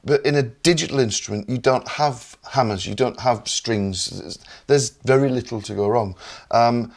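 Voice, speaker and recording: A man's voice: medium pitch, normal speed, vocal fry. A man with a Northern English accent, explaining a digital piano in casual chat with enthusiasm and lots of repeated words. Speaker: product specialist. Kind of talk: casual product demo chat.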